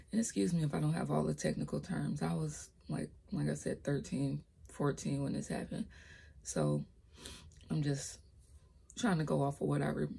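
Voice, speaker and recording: On a laptop's built-in microphone, a young woman vlogs casually about her own life in a low, raspy voice. Hesitant and prone to tripping over her words, she drops into quiet whispered asides, and raising her voice makes it crack.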